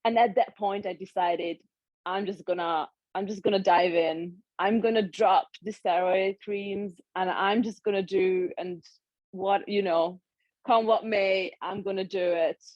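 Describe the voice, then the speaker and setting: A woman in her thirties, from Hungary, telling her story as a guest in a conversational interview, thoughtful and pausing with soft laughs. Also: mid-range voice, steady tone, no room sound, lo-fi sound. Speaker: guest, nutritional therapist.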